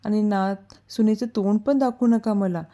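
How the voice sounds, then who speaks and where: A woman's voice: medium pitch, fairly even intonation, normal speed, mellow, lightly acted. A woman voicing a proud old grandmother who sulks and scolds, in a storybook reading. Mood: grumbling. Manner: sulky, scolding, takes offence.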